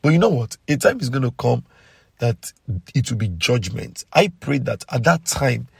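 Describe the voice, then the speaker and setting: A man preaching a podcast sermon, earnest and exhorting, slowing down to press key points. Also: medium pitch, very animated, creaky, husky, dry recording. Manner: earnest, exhorting, slows for emphasis.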